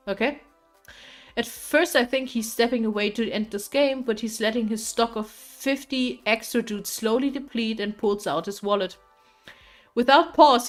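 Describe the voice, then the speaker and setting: A young woman streamer reading a visual novel aloud, playful and chatty, laughing often. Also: medium pitch.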